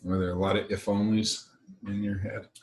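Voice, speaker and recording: A man with a deep, low voice co-hosts a relaxed conversation about personal growth. He teases his partner with a dry, deadpan sense of humor. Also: normal speed, soft background music. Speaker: co-host. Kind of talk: casual conversation on self-growth.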